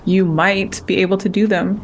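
A woman's voice: medium pitch, fairly even intonation, normal speed, background noise. A woman hosting a podcast in a conversational style. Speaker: podcast host.

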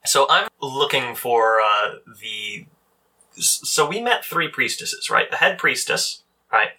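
Bright-voiced man playing a tabletop game. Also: mid-range voice, sing-song, takes it slowly, breathy edge, poor audio. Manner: loose, hesitant, thinking aloud. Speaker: player. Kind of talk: casual tabletop play.

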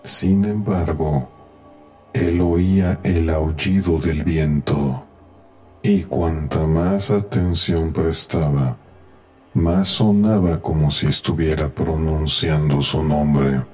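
A man with an extremely deep voice narrates a scary story at an unhurried, deliberate pace. His delivery is grave and scripted, with faint music playing underneath. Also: steady tone, a little mellow, breathy edge. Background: faint eerie background music.

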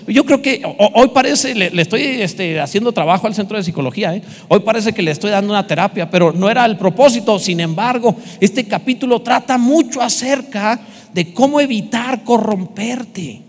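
Pastor guy preaching, kinda high voice, jokey asides, echoey church. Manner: lively, humorous preaching with asides to the congregation. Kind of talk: sermon.

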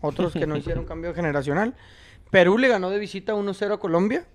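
A man with a Mexican accent in casual sports chat, animated and argumentative, full of slang. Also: high-pitched, very fast.

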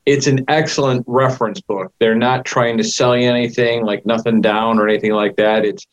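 A middle-aged or older man co-hosting a podcast in casual, halting talk that often repeats words. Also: mid-range voice, steady tone, dull audio. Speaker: podcast co-host. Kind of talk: casual interview chat.

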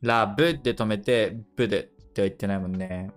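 A man hosting a casual dictation lesson. He thinks aloud and repeats English phrases slowly to check how they sound. His first language is Japanese. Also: on the low side, faint music behind. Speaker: podcast host leading a dictation session.

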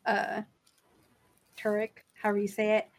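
A woman's voice: medium pitch, monotone, moderate pace, creaky. A young woman chatting casually on a stream and telling anecdotes.

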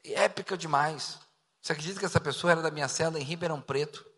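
Joking pastor in an echoing hall. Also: male voice, fairly high pitch, quick pace, husky. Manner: humorous, animated, jokes with the congregation. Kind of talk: sermon teaching to a church. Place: church hall. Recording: long reverb of a large hall.

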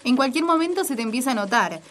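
A woman with an Argentine Spanish accent playing an indignant, sharp-tongued coworker in a comic audio sketch. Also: high-pitched, animated, a little hiss or hum. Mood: scornful. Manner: quick, scornful.

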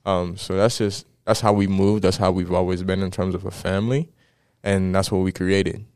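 A young man in his twenties, a football player, answering interview questions in a relaxed, animated way and often tagging "right?". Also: low-pitched, moderate pace, clear, resonant tone, no echo, clean studio sound. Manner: animated storyteller, many "right?" tags.

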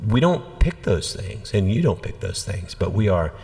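A man, a pastor, talking through faith in a relaxed conversational way, a lively storyteller. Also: low voice, normal speed, gravelly, in a large hall. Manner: animated storyteller, acts out quoted voices. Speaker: senior pastor. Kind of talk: conversational church podcast teaching.

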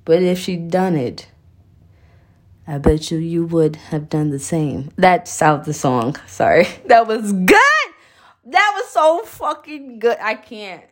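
A young woman vlogger retelling a story in a casual, animated way, full of swearing and laughing asides. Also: low voice, slow.

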